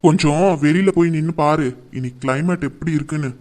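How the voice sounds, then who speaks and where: A man acting as a calm older brother who gently defends his younger sister. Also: fairly high pitch, quick pace, natural voice. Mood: teasing. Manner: gentle, reasoning.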